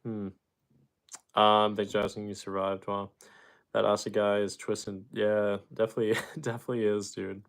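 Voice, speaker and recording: A man's voice: fairly low pitch, flat delivery, moderate pace, gravelly. A man live streaming, reading viewer comments aloud and answering them in loose, rambling casual chat. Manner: rambling, with fillers and restarts.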